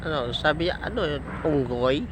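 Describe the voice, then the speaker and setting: A woman vlogger talking casually to a parrot, coaxing it with high sing-song calls and coughing now and then. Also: animated, moderate pace, very noisy.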